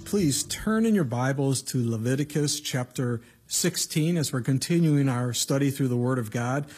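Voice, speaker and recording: Husky pastor teaching at a pulpit microphone. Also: male voice, mid-range voice, animated, moderate pace, darkish tone, soft background music. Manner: conversational, plain-spoken preaching with emphatic asides. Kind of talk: verse-by-verse Bible teaching sermon.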